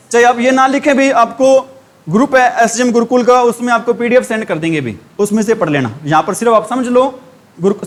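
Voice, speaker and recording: A very high-pitched man with a Haryanvi Hindi accent teaches English idioms to a class. He keeps posing quick questions and then answers them himself, his voice dropping lower for each answer. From India.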